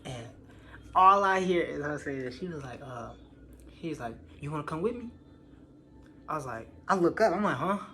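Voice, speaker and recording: A young American man, an online storyteller with a voice on the high side, recounts a personal story at a moderate pace with long pauses. His speech is slangy and full of expletives, and he animatedly acts out what people said. The background is clearly noisy.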